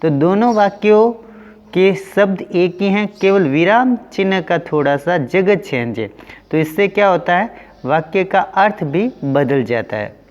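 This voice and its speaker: Slow, patient man teaching young pupils. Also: high-pitched, expressive, big-room sound, highs cut off. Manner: slow, repeats questions and answers for young pupils. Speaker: school teacher. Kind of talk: online class lesson.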